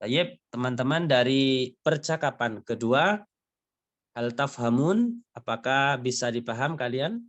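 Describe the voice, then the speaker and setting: A man's voice: mid-range voice, expressive, a little slow. A man teaching a language lesson, reading dialogue lines aloud, translating them, and explaining patiently with frequent little tag words. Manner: explains patiently, often ending phrases with "ya" and "gitu". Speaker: Arabic teacher.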